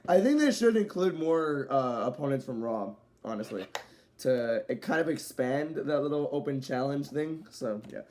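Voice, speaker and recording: A man's voice: mid-range voice, expressive, normal speed, darkish tone. Casual rambling male video reviewer. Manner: rambling, loose delivery with frequent "so, yeah" fillers; at times speeds up. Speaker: wrestling show reviewer.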